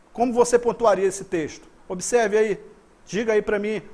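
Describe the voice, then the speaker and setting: A man's voice: high-pitched, darkish tone. A Brazilian man teaching an online grammar lesson, repeating phrases and coaxing students to look closely. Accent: Brazilian Portuguese.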